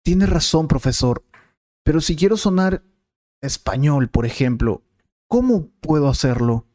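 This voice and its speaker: A man's voice: a little high, expressive, a little slow, dark tone, pitched above the performer's own voice. A man playing an eager young student. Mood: earnest. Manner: pleading, keen questions. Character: eager young adult male Spanish learner.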